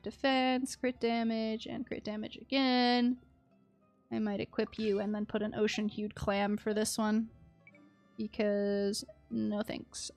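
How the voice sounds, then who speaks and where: With a slightly high, gravelly voice, a woman chats through a live gameplay session, thinking aloud. She mutters to herself while reading, over background music.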